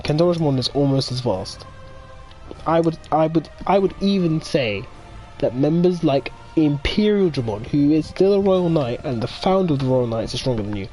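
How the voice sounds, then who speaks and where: Man, game playthrough host, excitable, rambling, casual commentary, faint music behind. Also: fairly high pitch. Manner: excitable, rambling fan talk. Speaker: gaming video host. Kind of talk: casual let's play commentary.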